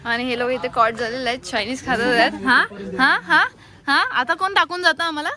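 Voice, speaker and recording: Outdoors at a busy wedding, with a noisy crowd around her, a vlogger with a Marathi Koli accent chats and teases while talking to the camera. Her high-pitched voice is pushed and bright, fairly quick, with fairly even intonation.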